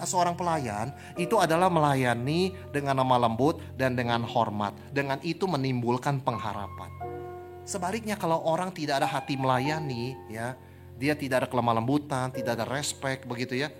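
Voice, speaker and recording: A man preaching a sermon in an animated way, asking the congregation rhetorical questions. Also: fairly high pitch. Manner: animated, rhetorical questions, mixes in English phrases. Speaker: pastor.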